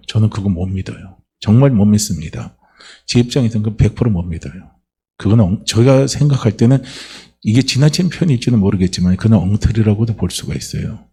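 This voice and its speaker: A man's voice: fairly low pitch, mellow. A male pastor giving a conversational sermon, often posing questions to the congregation and answering them himself.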